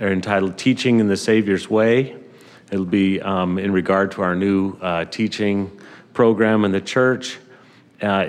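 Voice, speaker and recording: A middle-aged American man with a gravelly, hoarse voice, giving church announcements as bishop in a measured, courteous, formal way. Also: sits low. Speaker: bishop conducting a church service. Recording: long hall reverb.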